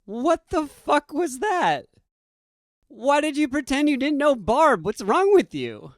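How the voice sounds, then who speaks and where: A man's voice: very high voice, sing-song, slow, dry recording, clean studio sound, voice pushed up, exaggerated voice. A man voicing his exasperated young male friend, scolding him in disbelief. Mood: incredulous. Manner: incredulous, scolding.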